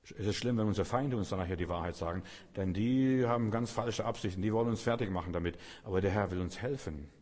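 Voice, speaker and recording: A man delivers a sermon in an earnest, direct way, speaking straight to his listener. His voice is low and husky. The sound rings with a long reverb. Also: fast, a little mellow. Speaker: preacher.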